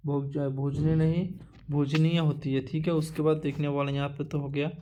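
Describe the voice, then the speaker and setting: A male teacher running an exam-prep lesson, reading through a word list in a repetitive drilling way with halting restarts. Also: fairly high pitch, level tone, mellow, slight background noise.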